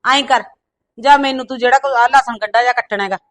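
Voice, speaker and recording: A middle-aged woman acting a calm, practical mother who talks in a motherly way. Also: on the high side, quick pace, dry recording, close to an everyday voice. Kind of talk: short film dialogue.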